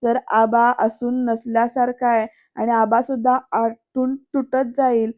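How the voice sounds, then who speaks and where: A woman voicing an emotional older grandfatherly man, speaking slowly and heartfelt. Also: a little high, flat delivery, darkish tone, lightly acted. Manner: slow, heartfelt. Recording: dull lo-fi sound.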